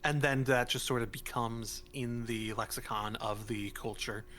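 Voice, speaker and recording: A man's voice: mid-range voice, fairly even intonation, measured pace, fairly bright tone, slight background noise. A man in casual chat on a game stream, explaining his thoughts at length. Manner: explanatory, musing on word sounds. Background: game music.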